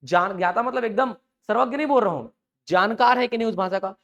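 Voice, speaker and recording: A man's voice: high-pitched, fast talker, dull audio. Chatty Chhattisgarhi teacher drilling his class. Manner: asks the class questions and answers them himself, repeating key words; lively and chatty, with homely examples and mild jokes. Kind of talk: live online class lecture.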